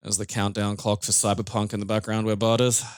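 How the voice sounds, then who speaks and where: Male game commentator, lowish voice, casual, meandering delivery, dry sound. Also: level tone, dry recording. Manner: rambling, halting delivery. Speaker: gaming commentator. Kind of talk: casual gaming banter.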